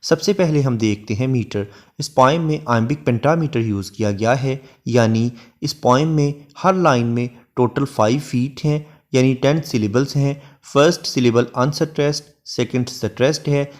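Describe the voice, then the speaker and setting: Lecturer, male, mid-range voice, careful classroom explanation. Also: medium pitch. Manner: reads English verse lines slowly, then explains in Hindi. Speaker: literature lecturer.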